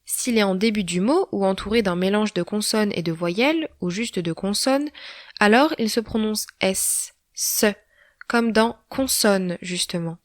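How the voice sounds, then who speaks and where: Woman teacher, slow and careful scripted lesson delivery, dry close mic. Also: mid-range voice, animated, dry recording. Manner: slow, deliberate letter-by-letter pronunciation. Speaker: language teacher.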